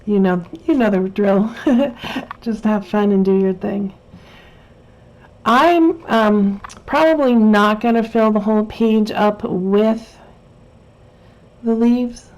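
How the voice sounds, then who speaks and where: A woman walks through a Bible journaling craft lesson in an easy, chatty way, often trailing off and restarting. Her voice sits at a middling pitch with a soft, mellow tone. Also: low-quality recording. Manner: chatty, rambling, self-correcting with frequent fillers. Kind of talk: casual craft tutorial.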